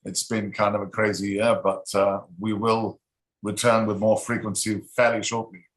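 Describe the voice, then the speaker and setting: A man reading his poem in a measured way on a livestream, then thanking everyone. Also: fairly low pitch, little pitch movement, rough recording. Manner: measured, unhurried reading with filler hesitations. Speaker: poet and reading series host. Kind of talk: poetry reading.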